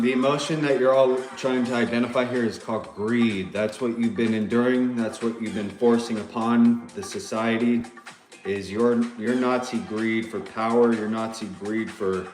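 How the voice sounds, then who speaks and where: A man's voice: mid-range voice, darkish tone, roomy sound. A man delivering a rambling, profane rant to the camera, agitated and repeating himself.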